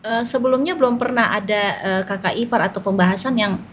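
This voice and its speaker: Woman interviewer, gentle hesitant questions, mid-pitched voice. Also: fast, slightly rough.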